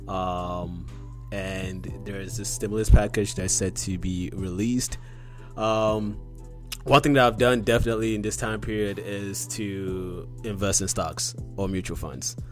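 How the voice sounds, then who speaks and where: Deep-voiced relaxed male podcast co-host. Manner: relaxed, filler-heavy talk about investing. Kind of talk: casual podcast chat.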